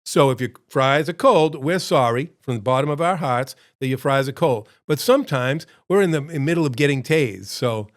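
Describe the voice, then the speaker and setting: A man's voice: medium pitch, animated, moderate pace, hardly any pauses. A man, a restaurant owner hosting his own show, telling a story casually and rambling, acting out quotes with big jumps in his voice.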